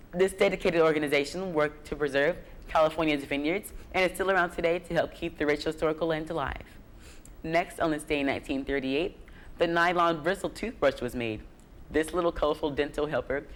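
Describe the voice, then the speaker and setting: A man's voice: on the high side, poor audio. A young man hosting a student news history segment, reading in an upbeat, casual way.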